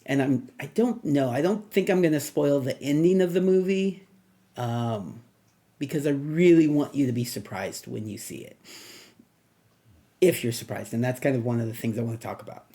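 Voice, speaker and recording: A middle-aged man talks through a movie review in a loose, casual way. He wanders and restarts his sentences, with plenty of fillers along the way. His voice is mellow and warm, at an ordinary pitch for a man. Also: moderate pace. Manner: rambling, many fillers and restarts.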